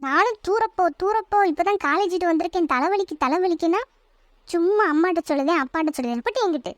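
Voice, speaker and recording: A woman's voice: extremely high pitch, expressive, fast, dry recording, clean studio sound. A woman voicing an irritable, heartbroken college-age older sister in a cartoon, who talks in a snappish, scolding way. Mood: irritated. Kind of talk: cartoon voice acting.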